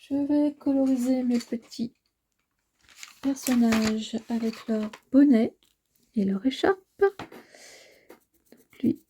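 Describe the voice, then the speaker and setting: A woman's voice: fairly high pitch, slow pace, long pauses, warm tone, slight background noise. A woman, casually narrating her journaling craft work step by step, musing and hesitant with many filler sounds. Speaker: crafting vlogger.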